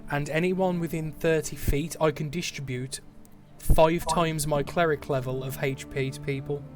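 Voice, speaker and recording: Man, cleric player, slightly high voice, thinks aloud, clear music behind. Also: steady tone, normal speed. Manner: thinks aloud, corrects himself. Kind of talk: casual game chat.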